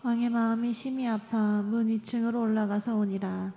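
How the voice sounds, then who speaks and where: Woman scripture reader, flat steady delivery, reverberant church hall from a distance. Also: a little high, moderate pace. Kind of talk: scripture reading. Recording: echoey hall, heard from afar.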